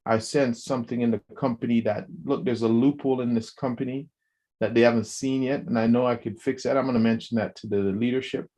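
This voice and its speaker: Man, podcast co-host, casual discussion, mellow warm voice, animated, repeats and restarts words. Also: medium pitch, a little fast.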